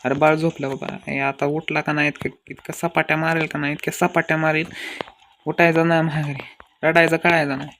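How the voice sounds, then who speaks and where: A young man giving excitable, crude, comic gameplay commentary, scolding and yelling at the game. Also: on the high side, brisk, slight background noise.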